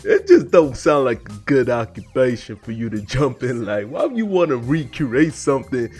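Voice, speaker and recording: Husky laid-back man riffing in slang over a clip, soft music under him. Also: medium pitch, wildly swooping pitch, moderate pace. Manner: laid-back, slangy, rambling, laughs often. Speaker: cartoon reaction host. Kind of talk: casual slangy reaction commentary.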